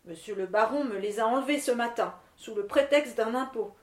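A woman's voice: a little high, a little fast, echoey room, natural voice. Woman playing a timid pleading miller. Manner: stammering, deferential. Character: timid poor male miller, humble and pleading.

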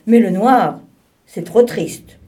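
A woman's voice: medium pitch, animated, slow pace, dark tone. A woman voicing a stubborn polar bear in a storybook reading, speaking earnestly and insistently.

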